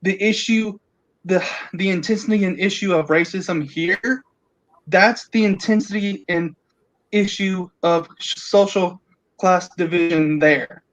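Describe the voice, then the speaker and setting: A man in his thirties hosting a casual film discussion, haltingly rephrasing as he thinks aloud. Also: high-pitched, dull audio. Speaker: podcast host.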